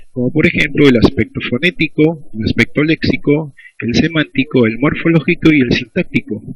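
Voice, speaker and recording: A man's voice: medium pitch, fairly bright tone, a little hiss or hum, rough recording. A man, teaching a recorded language lesson in a methodical way and often checking in with "¿sí?". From Peru.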